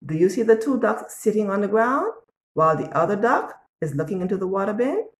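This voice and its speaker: A woman in her sixties, medium-pitched, reads a picture book aloud to young children like a storyteller, expressive and deliberate, pausing to ask them questions. She's in a small bare-walled room indoors, and the phone or tablet held at arm's length picks up plenty of echo.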